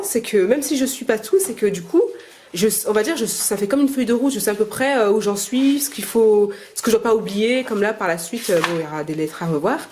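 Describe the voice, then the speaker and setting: At home, a mother films herself teaching her children, explaining lessons casually in a slightly mellow, mid-range voice. She is hesitant, filling pauses with "euh," yet patient and encouraging with the kids. A little hiss or hum is audible.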